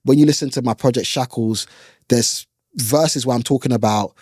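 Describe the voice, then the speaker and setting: A man's voice: medium pitch, moderate pace, a little mellow, slightly rough, no room sound, studio quality. A young man from Ghana with a London accent, a guest musician talking passionately in a casual conversation. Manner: passionate, vocal, uses slang like "bro" and "innit".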